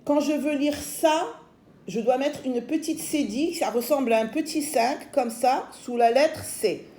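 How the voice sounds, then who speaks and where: A French-accented woman walks young children through a phonics lesson, speaking slowly and sounding out each word and syllable with patience. Her voice sits a little high, and the recording carries a noticeable room echo. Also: mellow. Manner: slow, patient, repeats words and syllables. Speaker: teacher.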